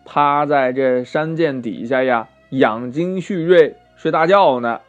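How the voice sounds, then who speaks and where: A man narrating a children's story in a lively, expressive way, stretching out his phrases. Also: medium pitch, takes it slowly, dull audio, soft background music.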